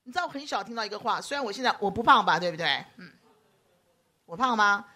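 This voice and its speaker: A woman preacher, giving a lively sermon, teasing her listeners by name and acting out quoted voices. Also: medium pitch, quick pace. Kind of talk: lively sermon with audience banter.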